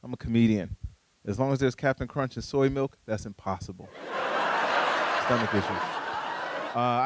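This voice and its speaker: On a small studio stage, handheld mic in hand, a Chicago comic in his forties delivers a conversational stand-up set full of playful asides, squeaking into high-pitched voices for the punchlines. The recording is very noisy.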